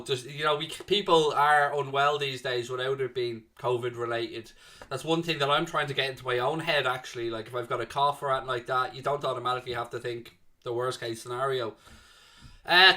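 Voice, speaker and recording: On the high side, his voice sounds pushed and bright. This young Irishman, speaking with a South Dublin accent, hosts a football watchalong stream and casually answers viewers' comments. He's chatty and full of jokes, tossing out "mate" and "man" as he replies.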